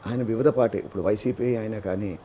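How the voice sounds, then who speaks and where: A man's voice: on the low side, fairly even intonation, quick pace, warm tone, a little hiss or hum. A man answering in an interview, explaining eagerly.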